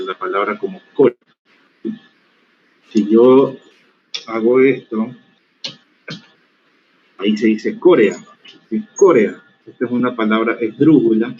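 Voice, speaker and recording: A man's voice: lowish voice, slight background noise. A man giving an online medical lecture in a stern, corrective teaching manner, answering student questions. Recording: dull lo-fi call audio.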